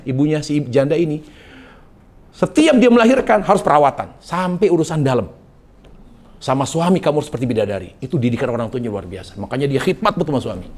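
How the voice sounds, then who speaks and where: A man preaching a sermon, telling a story in a colloquial, animated way and acting out the people in it. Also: mid-range voice. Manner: animated, colloquial, acts out quotes.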